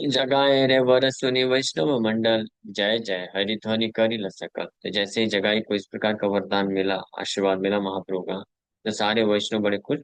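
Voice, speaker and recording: Low-voiced man telling scripture stories. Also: dry recording. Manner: animated storyteller who acts out quotes; chuckles between points. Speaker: devotional teacher. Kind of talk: scripture storytelling class.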